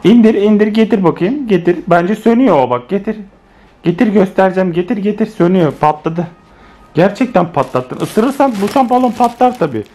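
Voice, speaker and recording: Lively mother filming a family vlog. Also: mid-range voice, brisk. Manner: animated, playful, teasing the child, addressing viewers as friends. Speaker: vlogging mother filming her children. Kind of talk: casual family vlog narration to viewers. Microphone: handheld phone camera.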